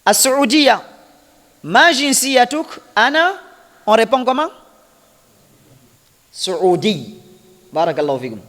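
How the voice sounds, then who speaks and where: A man with a high voice teaches a class, taking his time and repeating each example. He quizzes his students as he goes. His voice carries a long, hall-like reverb. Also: animated, slow, long pauses, a bit bright. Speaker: Arabic teacher. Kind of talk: classroom lesson explaining grammar.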